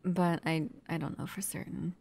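Here the vampire's doting, protective human caretaker is voiced by a woman with a lowish, steady voice at a moderate pace, fond and reassuring in tone. The ASMR roleplay is soft and intimate, frequently dipping to a whisper, with no echo but clear ambient background noise.

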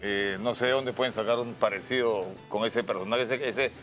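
Man as a deadpan, dismissive cooking judge. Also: medium pitch, moderate pace, over music, lightly acted. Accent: Peruvian Spanish. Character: dismissive male cooking judge, denying resemblances. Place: TV studio kitchen set.

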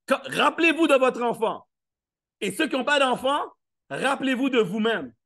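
A man with a high, forceful voice speaks from a live event stage. He questions his listeners directly and slips into quick acted scenes. The delivery stays playful and punchy. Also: expressive, vocal fry. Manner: playful, questions the audience, acts out little scenes. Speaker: motivational speaker. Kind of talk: live motivational talk to an audience.

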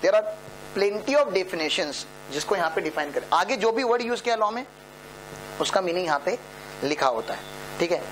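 A man's voice: sits high, animated, normal speed, a bit bright, slight background noise. A man giving a classroom lecture on tax law to exam students, explaining step by step, checking understanding with frequent tag questions and posing students' questions himself with a joking touch. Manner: playful, poses students' questions himself and jokes. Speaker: tax law teacher for accountancy exams. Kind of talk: classroom lecture mixing Hindi and English.

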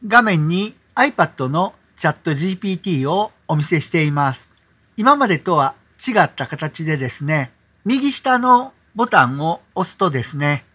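A middle-aged man with a Kansai accent, relaxed and explanatory, walking viewers through an app as a tutorial host. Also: high voice. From Kansai, Japan.

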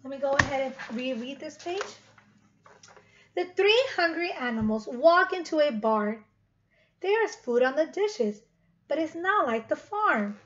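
In her thirties, this woman teacher reads to young children in a high, lively, slightly bright voice, taking her time and repeating questions to them. She's at home in her living room, captured by a webcam roughly arm's length away, and the audio is dull with noticeable noise.

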